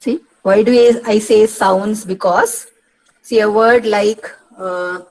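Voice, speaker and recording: A woman's voice: mid-range voice, steady tone, extremely slow, low-quality recording. A woman with a Malayali accent teaching English pronunciation for an exam, explaining step by step and repeating key words. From Kerala, India. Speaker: English tutor. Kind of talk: exam-prep lecture mixing Malayalam and English.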